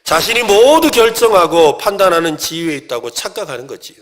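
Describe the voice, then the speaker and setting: A middle-aged male pastor preaching a sermon, asking the congregation questions and building to loud, emphatic passages. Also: a little high, big pitch swings, fairly quick.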